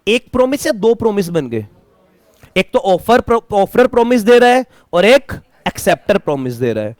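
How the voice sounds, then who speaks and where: A man's voice: high voice, sing-song, moderate pace, a little mellow, no room sound. A man teaching a classroom lecture, asking students questions and mixing English terms into his talk. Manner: mixes Hindi with English terms.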